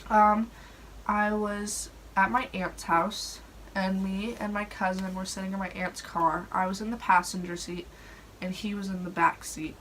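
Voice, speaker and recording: Personal stories pour out of a young adult woman in a casual, rambling, chatty style full of "like." As storyteller host, she has a mid-range, fairly bright voice. A phone propped on a dresser captures it as a rough recording with clear background noise.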